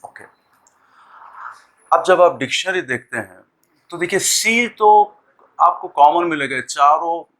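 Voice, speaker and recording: Male teacher, lesson delivery; slow and deliberate, bright forceful tone, repeats sounds often. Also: fairly high pitch. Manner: deliberate, repeats sounds and words, many pauses. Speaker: English teacher. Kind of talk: classroom lesson explaining pronunciation.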